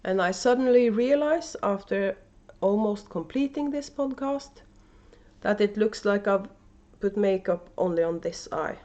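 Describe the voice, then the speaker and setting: Speaking into a camera microphone inside her home, a woman with a Norwegian accent hosts a knitting video podcast in a casual, unscripted way full of fillers and restarts. She sounds animated at a measured pace, with a medium-pitched, dark voice and lo-fi audio.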